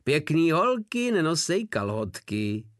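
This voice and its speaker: A man's voice: on the high side, sing-song, no echo, studio quality, pitched above the performer's own voice. A man voicing a crude, brutish giant soldier with a coarse, bellowing delivery in a storybook reading. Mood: crowing.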